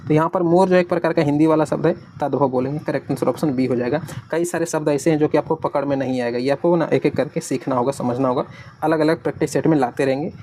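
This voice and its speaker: A man's voice: fairly high pitch, fairly even intonation, fast talker, warm tone, slight background noise. A man teaching an exam-prep lesson, explaining patiently and asking and answering his own questions.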